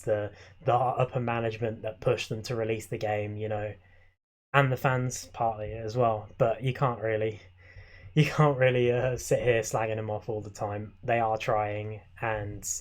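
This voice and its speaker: A young man co-hosting a casual chat podcast, joking and teasing, often laughing. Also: mid-range voice. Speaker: podcast co-host.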